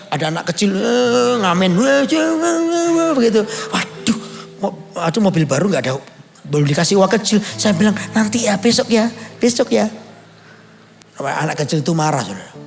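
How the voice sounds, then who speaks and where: Playful pastor, high gravelly voice. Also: male voice, long reverb tail. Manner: playful, teasing the congregation, acts out dialogue. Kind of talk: sermon with humorous storytelling. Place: large church service.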